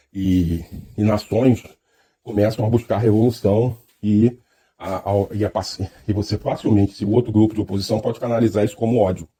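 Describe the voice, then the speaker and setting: Speaking with a Brazilian Portuguese accent, a man with a fairly low, warm voice and a breathy edge gives a thoughtful, lecture-like reflection. He hesitates as he goes and often starts his phrases over.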